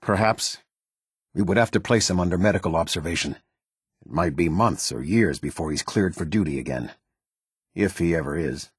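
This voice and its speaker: Deep, husky military captain. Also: male voice, dry recording, studio quality, full character voice. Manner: formal, clipped military authority. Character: stern, disciplined male military airship captain. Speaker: game voice actor. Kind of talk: scripted game character dialogue.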